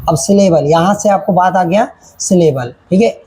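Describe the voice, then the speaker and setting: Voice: medium pitch, moderate pace, mellow, husky, poor audio. A teacher giving a children's grammar lesson, repeating points and checking in often while mixing in English words.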